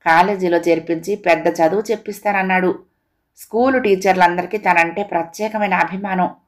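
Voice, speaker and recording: A woman storyteller narrating a moral story for children in a steady, expressive reading voice. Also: fairly low pitch, a little fast.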